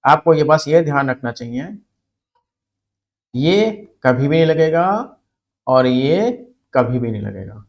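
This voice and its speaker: A man's voice: mid-range voice, lively intonation, slow pace, vocal fry, long pauses. A man teaching a spelling and grammar lesson for exam students, explaining step by step and repeating words for emphasis.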